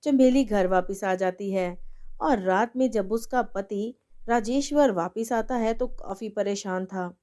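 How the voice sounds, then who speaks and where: A woman narrating a cartoon story in a plain, steady storytelling manner. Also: mid-range voice, unhurried.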